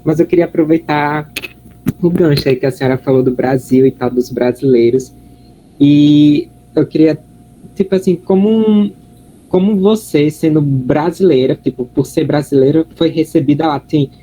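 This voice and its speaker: A woman's voice: normal speed, warm tone, rough recording. A woman interviewing a guest, asking questions informally with hesitant phrasing. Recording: faint background rumble.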